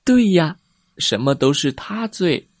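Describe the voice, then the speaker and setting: A man doing shrill squabbling baby dinosaurs. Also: sing-song, takes it slowly, no echo, studio quality, heavily acted. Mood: shrill protest. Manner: shrill, indignant. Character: fretful little baby ankylosaurs, squabbling.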